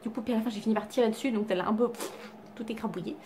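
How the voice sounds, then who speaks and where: Girl doing a makeup haul at home, kinda high voice, rambly and self-deprecating, bit of faint noise behind. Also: very fast, mellow. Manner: chatty, self-deprecating, full of fillers and restarts. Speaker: beauty vlogger. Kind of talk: casual haul chat to camera. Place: home with cats around.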